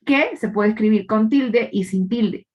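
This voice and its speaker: A woman's voice: mid-range voice, fairly even intonation, measured pace. Woman teacher with a dull lo-fi sound. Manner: explains patiently, often adds tag questions; quizzes the class. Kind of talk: live online class lecture.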